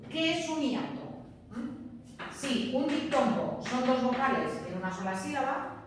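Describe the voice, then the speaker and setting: A woman's voice: fairly high pitch, a little hiss or hum. A woman from Spain teaching a grammar lesson, patient and emphatic, often checking in with her students. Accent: Spain Spanish. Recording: echoey hall, voice from far off.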